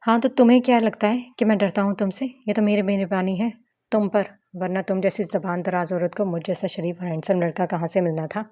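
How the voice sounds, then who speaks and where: A woman's voice: mid-range voice, steady tone, fairly quick, mellow, natural voice. A woman voicing a proud, cocky young husband who bickers sulkily. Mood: bickering. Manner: sulky, boastful bickering.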